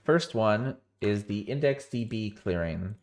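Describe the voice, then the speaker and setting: A man with a cold explains code on a live stream at a measured pace, his somewhat low voice still expressive despite how tired he sounds. He thinks aloud throughout and often breaks off mid-sentence to fix what he said.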